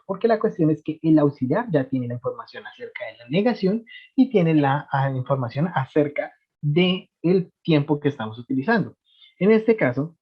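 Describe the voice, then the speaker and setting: A man's voice: a little high, slightly rough. A man, explaining English grammar to a class over a video call, chatty and repeating words as he goes. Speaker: English teacher. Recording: tinny phone-like line.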